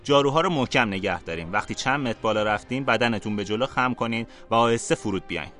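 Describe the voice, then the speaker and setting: A man voicing a strict, gruff female flying teacher who barks orders, raised high above his own voice. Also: big pitch swings, bright, forceful tone, soft background music. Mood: bossy.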